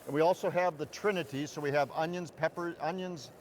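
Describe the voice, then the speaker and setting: A man's voice: a little high, steady tone, brisk, a little hiss or hum. A man from Wisconsin hosting a cooking show in a big indoor station hall, chatty and eager, often stumbling over repeated words.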